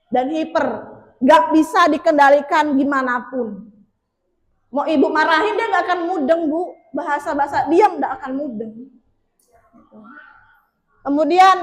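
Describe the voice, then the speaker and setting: High-voiced woman presenting in an echoey room. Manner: chatty, addresses listeners directly as sir and ma'am. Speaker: workshop presenter. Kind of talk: casual workshop talk to teachers.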